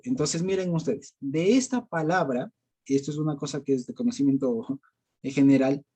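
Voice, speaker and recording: A man's voice: fairly high pitch, warm tone, slightly rough. A man with an Ecuadorian accent teaching a Bible study. He chats casually, laughs often and keeps quizzing his listeners. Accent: Ecuadorian Spanish. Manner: conversational, quizzes listeners with rhetorical questions; laughs often, frequent verbal fillers.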